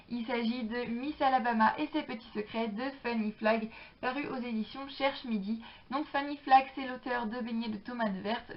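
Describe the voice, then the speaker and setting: A young woman talks casually about her latest library books in a fairly high voice. She hesitates often, fills gaps with little fillers, and keeps going in a friendly chatty flow. The recording sounds dull and lo-fi. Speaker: book vlogger. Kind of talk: casual book haul chat.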